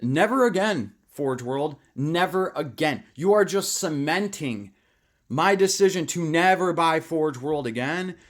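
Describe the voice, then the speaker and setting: A man's voice: on the high side, measured pace. A man ranting to camera, exasperated and profane, repeating himself. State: angry. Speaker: hobbyist vlogger. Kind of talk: angry rant to camera.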